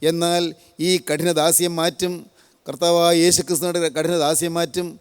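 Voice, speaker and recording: A man's voice: fairly high pitch, flat delivery, normal speed, clear, resonant tone. An older man from Kerala preaching a sermon, solemn and repetitive, stacking one parallel phrase after another. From Kerala, India. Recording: long hall reverb.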